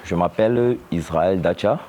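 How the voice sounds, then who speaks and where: Un homme originaire du Cameroun qui se présente avec quelques hésitations. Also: male voice, low-pitched, warm tone, a little hiss or hum. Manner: halting, hesitant. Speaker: engineering trainee. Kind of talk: self-introduction to camera.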